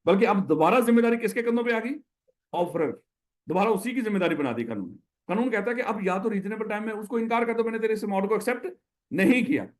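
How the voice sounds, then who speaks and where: A man with a Pakistani Urdu accent lecturing a class on contract law, repeating rules and quizzing his students, whom he calls his children, mixing in English legal terms. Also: high voice. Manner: repeats key points, quizzes students with questions. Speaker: accountancy lecturer.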